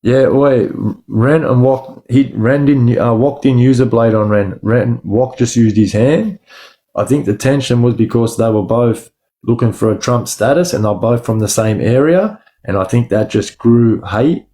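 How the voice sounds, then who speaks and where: A man's voice: medium pitch, measured pace, warm tone. An Australian man chatting casually on a livestream in blunt street slang, rambling and repeating his phrases. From Sydney, Australia. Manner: slangy, blunt, often addressing listeners as bro or lad. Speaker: livestream host.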